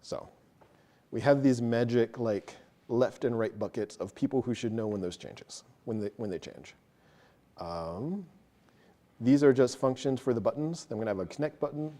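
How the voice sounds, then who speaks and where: A man presenting a technical talk to a live audience, quick and casual, joking about himself. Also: mid-range voice, warm tone. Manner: fast, casual, self-deprecating. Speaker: meetup presenter. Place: meeting room with an audience.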